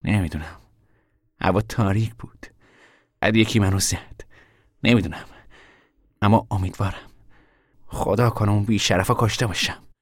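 A man's voice: pauses often, no echo, clean studio sound, lightly acted. An actor playing a weary young man on the run who talks in a tired, grim way. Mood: earnest. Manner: tired, grim, low-voiced.

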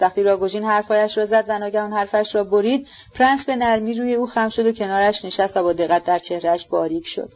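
A woman giving steady, scripted audiobook narration. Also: fairly low pitch, lo-fi sound.

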